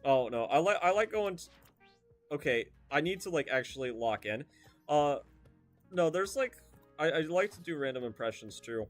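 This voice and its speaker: A man's voice: on the high side, lively intonation, normal speed, soft background music. A young man streaming a video game, chatting casually and rambling off into tangents with lots of fillers. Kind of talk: casual gameplay commentary.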